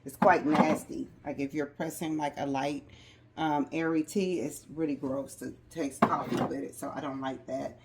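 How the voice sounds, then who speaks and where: A woman's voice: low voice, steady tone, moderate pace, background noise. A middle-aged woman vlogging casually as she declutters, chatty and talking straight to her viewers in her early morning voice. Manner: chatty, addresses viewers as y'all. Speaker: lifestyle vlogger. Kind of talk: casual chat while decluttering.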